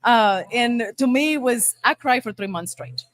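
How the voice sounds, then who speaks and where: A middle-aged taco shop owner from Monterrey, Mexico, a native Spanish speaker, tells her story as an interview guest. Her voice sits a little high, and she speaks at a moderate pace, casual but emphatic.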